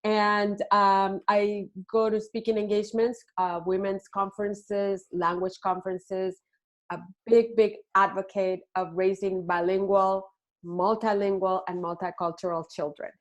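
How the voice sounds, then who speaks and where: A middle-aged woman from Puerto Rico, a parenting expert answering interview questions with hesitant pauses and many ums. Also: mid-range voice, flat delivery. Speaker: podcast guest, parenting expert.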